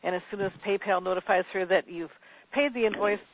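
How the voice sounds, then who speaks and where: Male call host, high voice, careful and deliberate, heard through a tinny phone line. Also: dry recording. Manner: careful and deliberate, spelling things out slowly. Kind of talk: hosting a conference call.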